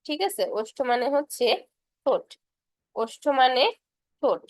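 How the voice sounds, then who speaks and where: A woman's voice: fairly high pitch, normal speed, a little mellow, no echo. A young woman teaching a casual exam-prep lesson, patiently repeating terms and sketching as she explains. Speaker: tutor for university admission exams.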